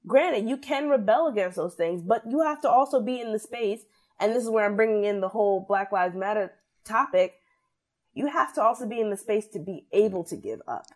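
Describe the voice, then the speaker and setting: A young adult woman in casual podcast discussion, opinionated and animated, often acting out what others said. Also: medium pitch, a little fast. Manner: animated, opinionated, acts out quoted voices.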